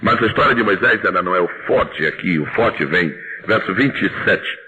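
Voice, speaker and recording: A man's voice: deep voice, normal speed, muffled recording, background noise. A male pastor with a Brazilian Portuguese accent preaching a sermon, questioning the congregation and answering himself. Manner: animated preaching with call-and-response questions to the congregation.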